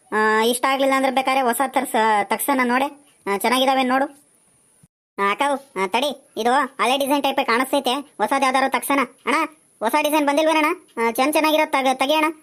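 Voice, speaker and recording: A bossy village woman, played by a woman, nags and teases. Her voice sits high and carries a bright edge. It is a homespun village comedy skit. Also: close to an everyday voice. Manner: nagging, teasing back-and-forth chatter. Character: chatty, bossy village woman shopping for saris.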